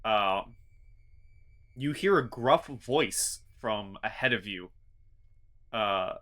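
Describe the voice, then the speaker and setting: A man running a tabletop fantasy game as game master, narrating in a halting way as he thinks aloud. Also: fairly low pitch, lively intonation, sharp tone.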